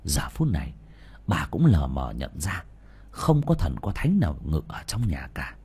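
A man narrating a ghost story in a dramatic, animated way. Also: rumbling low, a little slow, breathy edge.

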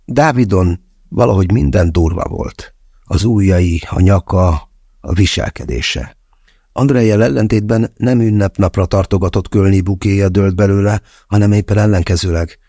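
A man's voice: sits low, warm tone, no echo. A man narrating a novel in the first person as an audiobook, in a wry storytelling manner.

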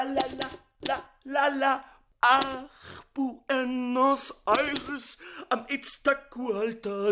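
Slow, dreamy cabaret singer. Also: female voice, a little high, background noise, heavily acted. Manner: lilting, drawn-out singing. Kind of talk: sung cabaret song. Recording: roomy sound with brass band music.

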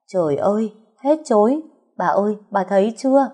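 A woman's voice: on the low side, normal speed, dark tone, natural voice. A woman with a Southern Vietnamese accent voicing a scheming older nanny who wails melodramatically. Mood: wailing. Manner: wailing, melodramatic exclamations.

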